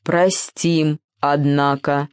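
A woman's voice: on the low side, very animated, a little slow, darkish tone, dry recording, clean studio sound. A woman voicing a big, composed male spider who speaks as the stately head of the house. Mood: measured.

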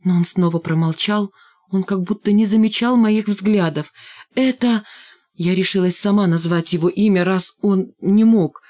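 A woman narrating a children's story in a first-person, measured, storytelling manner. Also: medium pitch, fairly even intonation, darkish tone. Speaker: audiobook reader. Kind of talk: scripted narration.

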